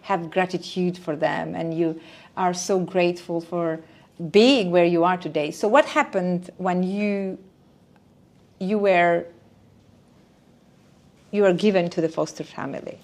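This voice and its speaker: A woman's voice: on the low side, unhurried, pauses often, darkish tone. A woman hosting an interview podcast, encouraging her guest and summing up her story before asking questions. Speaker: podcast host. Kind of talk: interview host.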